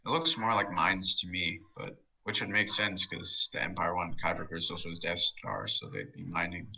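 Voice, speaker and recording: A man playing a tabletop game, eager and quick to jump in with ideas. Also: sits low, lively intonation, creaky, sharp tone, low-quality recording. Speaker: player. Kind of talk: casual tabletop game chat.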